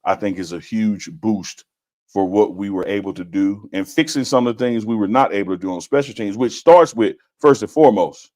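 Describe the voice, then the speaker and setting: Guy co-hosting, low voice, explains football stuff slow and careful. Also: warm tone. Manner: measured, explains points step by step. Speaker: co-host and analyst. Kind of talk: sports analysis chat.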